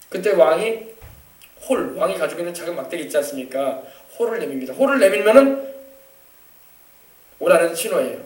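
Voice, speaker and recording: A man pastor preaching a sermon with emphatic delivery, sometimes shouting and acting out quoted voices. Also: high-pitched. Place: church sanctuary. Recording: echoey church, voice from a distance.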